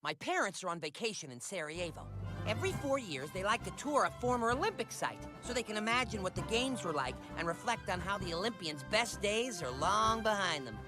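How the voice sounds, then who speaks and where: A voice actor playing an eager, dramatic nerdy teenage boy in an animated sitcom. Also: mid-range voice, a little fast, music in the background. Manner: excitable, theatrical outbursts. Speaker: cartoon character.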